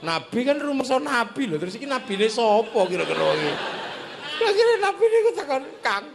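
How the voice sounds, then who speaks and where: Male preacher with a high voice, comic storyteller, faint background noise. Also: brisk. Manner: animated, laughing, acts out voices. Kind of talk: humorous religious storytelling.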